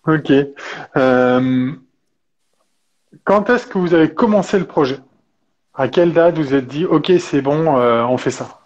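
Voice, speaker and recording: A man's voice: fairly high pitch, a little slow, long pauses. Man asking winding questions, dull lo-fi sound. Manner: long winding questions with many fillers. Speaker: podcast host, interviewer. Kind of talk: interview questions.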